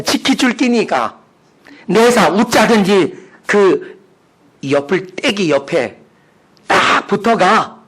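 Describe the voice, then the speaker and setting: A man putting on a slow, playful Gyeongsang drawl. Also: high-pitched, fairly bright tone, voice pushed up, heavily acted. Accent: Gyeongsang dialect. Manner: slow, drawn-out, joking recitation. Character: playful man reciting a psalm in Gyeongsang dialect.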